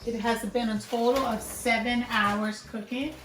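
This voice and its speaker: A woman's voice: a little high, steady tone, measured pace, fairly bright tone, reverberant, a little hiss or hum. A woman hosting a home cooking vlog, chatting to viewers and explaining each step as she works. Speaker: cooking channel host.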